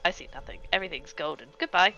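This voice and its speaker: A woman's voice: lowish voice, lively intonation, fast talker, vocal fry, pushed and bright, dull audio. A woman chatting casually as a tabletop game player, joking and self-deprecating, with music behind.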